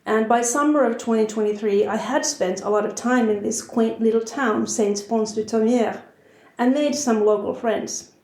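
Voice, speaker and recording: Recorded with a roomy echo in her home, a Finnish-accented podcast host opens the episode and talks with her guest. She speaks at a moderate pace in a slightly high voice with a darkish tone.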